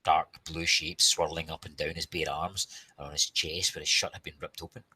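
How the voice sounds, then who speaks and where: A Scottish man reads a children's novel aloud in a low, raspy voice. His tone is forceful and tense. He breaks off for chatty asides to his listeners. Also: little pitch movement, moderate pace. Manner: chatty asides, playful greetings. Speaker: reader.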